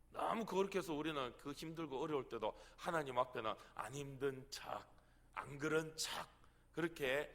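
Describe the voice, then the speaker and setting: Man, pastor, impassioned sermon, lively pitch, bright voice. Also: big-room sound. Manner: impassioned, dramatic, swinging between loud and soft.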